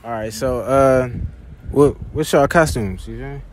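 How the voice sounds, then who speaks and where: A man's voice: medium pitch, normal speed, a little hiss or hum. Easygoing young man asking street questions. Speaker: street interviewer. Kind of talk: casual street interview. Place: outdoor street at night.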